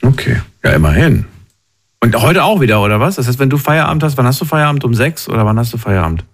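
Male call-in host in his thirties, casual and probing, mid-pitched voice, stumbles into his questions. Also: very animated, fast. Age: 30s. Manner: probing, repeats himself when asking questions. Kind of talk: casual phone-in chat.

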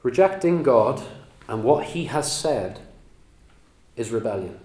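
A man delivers an earnest sermon, stressing key points with measured pauses. His voice sits at a middle pitch. The recording carries a roomy echo. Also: expressive, a little mellow. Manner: earnest, emphatic Bible teaching with measured pauses. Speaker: preacher.

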